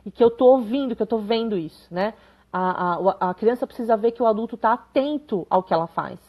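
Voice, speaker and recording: A woman's voice: on the high side, fairly quick, phone-quality sound. A woman in her thirties giving a live parenting talk, chatty and conversational, often checking in with her viewers. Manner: conversational, frequent tag questions, reads comments aloud. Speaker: parenting educator.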